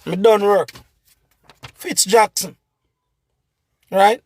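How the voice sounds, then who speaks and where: A man's voice: sits high, fairly even intonation, drawn-out words, dry recording. A man with a Jamaican accent giving an impassioned, repetitive political rant as a vlogger.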